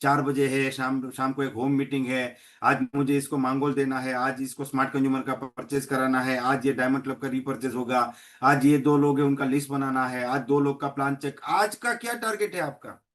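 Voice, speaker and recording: A man's voice: mid-range voice, steady tone, normal speed, fairly bright tone. A middle-aged man with a Gujarati accent giving a motivational network marketing training talk, telling stories and acting out the people in them. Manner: storytelling, acts out dialogues in many voices. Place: meeting hall.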